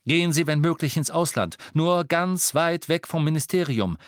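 A man voicing a teenage boy wizard who gives loud, urgent commands. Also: fairly high pitch, animated, normal speed, no echo, clean studio sound, voice pushed up, lightly acted. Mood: commanding.

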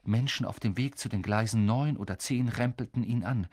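A man reading a children's fantasy novel aloud as a lively, dramatic audiobook narrator. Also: lowish voice, normal speed, slightly rough, dry recording, clean studio sound. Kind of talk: scripted narration.

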